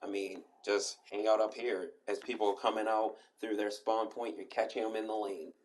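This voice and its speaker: Lower-voiced man rambling through a map tour. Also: flat delivery, normal speed. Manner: chatty, meandering, with frequent restarts. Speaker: host giving a game map tour. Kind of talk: casual walkthrough commentary.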